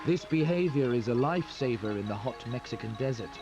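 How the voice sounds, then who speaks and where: A man reading scripted nature documentary narration in a measured, explanatory way, heard from a worn VHS tape copy. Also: medium pitch, animated. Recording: dull lo-fi tape with loud music behind. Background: loud music score.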